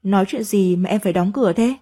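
Brief: a weary, evasive married man in a storybook reading, read by a woman in her own mellow voice. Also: mid-range voice, quick pace, slightly rough, close to an everyday voice.

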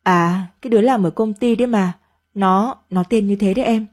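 Brief: a weary, evasive married man in a storybook reading, read by a woman in her own mellow voice. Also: mid-range voice, fairly quick, natural voice.

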